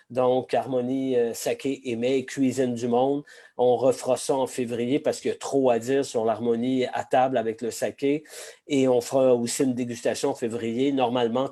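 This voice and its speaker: Hoarse Québécois man hosting a sake class. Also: mid-range voice, mellow. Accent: Québécois French. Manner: chatty, many hesitations and asides. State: slightly hoarse, frog in the throat. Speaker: sake expert giving a masterclass. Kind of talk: online masterclass presentation. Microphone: video call.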